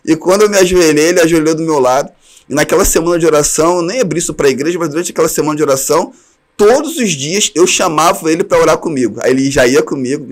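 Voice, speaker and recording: A man from Brazil giving an online class to teachers, with earnest advice aimed straight at his listeners. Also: a little high. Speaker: teacher trainer.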